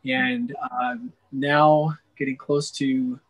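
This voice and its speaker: Man from Wisconsin, interview guest, earnest and steady, slightly high voice. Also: extremely slow, vocal fry, poor audio. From Wisconsin, USA. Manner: earnest, steady, frequent "uh" fillers. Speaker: missionary guest. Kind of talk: interview answers.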